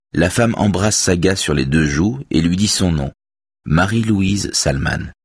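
Deep, husky male audiobook narrator. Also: dry recording, clean studio sound. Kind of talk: scripted narration.

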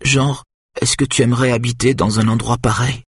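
A man's voice: medium pitch, level tone, normal speed, slightly rough, no room sound, clean studio sound. A man voicing a frightened, sad teenage girl with a faint, small voice in an audiobook. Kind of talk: audiobook character voice.

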